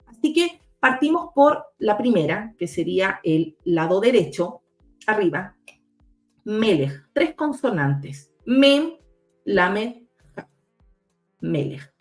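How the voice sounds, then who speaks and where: A woman's voice: medium pitch, sing-song, takes it slowly, soft background music. A woman guest on a video call, patiently explaining and spelling out letters one by one like a teacher. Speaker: guest researcher. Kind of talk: explanatory talk with slides.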